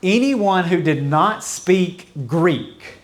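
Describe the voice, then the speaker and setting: A fairly high-voiced man teaching a church Bible study as its pastor. He talks in a loose, conversational way, circling back to repeat his points and adding asides. At times he drops into babbling imitations that fade away. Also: expressive, extremely slow. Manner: conversational, explains with repetition and asides; mimics mocking babble with fading repeats.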